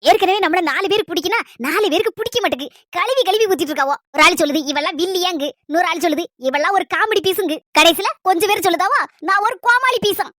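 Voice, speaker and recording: Scheming village mother with a Kanyakumari accent, bright and rapid, mocking chatter, voiced by a woman. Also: extremely high pitch, no room sound, clean studio sound. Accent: Kanyakumari Tamil.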